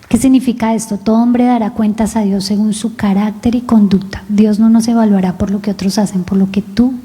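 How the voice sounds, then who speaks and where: A woman pastor preaching a sermon, telling a self-mocking personal story in a lively way. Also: medium pitch. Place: church service in a rented hall. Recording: long reverb of a hall.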